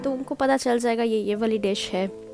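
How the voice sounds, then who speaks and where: A woman's voice: on the high side, normal speed, vocal fry, music in the background. A woman casually walking through a home table-setting demonstration, talking step by step and mixing in English words. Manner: chatty, explains step by step, mixes in English words. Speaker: home cooking channel host.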